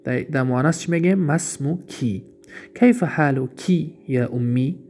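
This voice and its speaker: A man's voice: mid-range voice, a little mellow, a little hiss or hum. A man with a Tajik accent teaching Arabic grammar in a recorded lesson, reading each example and then translating it, and posing questions he answers himself. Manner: explains slowly, asks himself questions and answers them.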